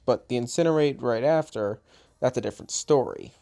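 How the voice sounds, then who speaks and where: A man's voice: medium pitch, fairly quick, gravelly, mellow. A man chatting through his own mobile game playthrough, sounding a little tired, rambling and correcting himself as he goes. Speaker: gaming channel host. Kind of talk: casual gameplay commentary.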